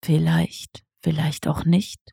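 A woman reading an audiobook, voicing a calm, riddling male talking cat who speaks in gentle condescension. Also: low-pitched, slow pace, gravelly, slightly rough, no room sound, studio quality, voice pushed down, heavily acted. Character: cryptic, suave male talking tomcat.

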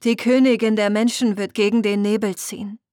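A woman's voice: mid-range voice, fairly even intonation, a little fast, a little mellow, dry recording, clean studio sound, lightly acted. A woman voicing a grim, proud young woman warrior who speaks hard and bitter, in an audiobook reading. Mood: grave. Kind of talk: audiobook character voice.

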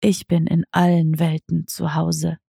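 A woman's voice: deep voice, measured pace, gravelly, breathy edge, no room sound, studio quality, voice pushed down, exaggerated voice. A woman voicing a suave, riddling male talking cat. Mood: calm. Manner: calm, riddling, gently condescending.

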